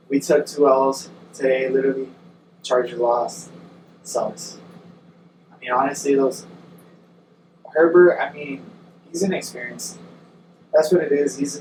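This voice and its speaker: Casual male podcast co-host, sweary and slangy, struggling with spicy-food burn; roomy, noisy pickup. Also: mid-range voice. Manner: suffering from eating a very hot spicy chip, watery eyes and burning stomach. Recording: distant mic, echoey noisy room.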